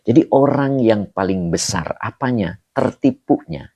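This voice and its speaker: Brief: middle-aged male religious teacher, low gravelly voice, unhurried and animated, chatting with viewers. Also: dry recording. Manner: reads comments, jokes with viewers. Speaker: kitab teacher. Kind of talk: live-streamed kitab lesson. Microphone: phone or camera on a stand.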